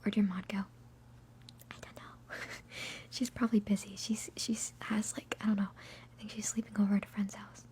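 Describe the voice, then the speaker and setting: A woman's voice: mid-range voice, little pitch movement, a little fast, darkish tone. A young woman, an ASMR streamer, chatting and answering questions in a whisper, giggly and self-mocking. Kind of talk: whispered live Q&A ramble.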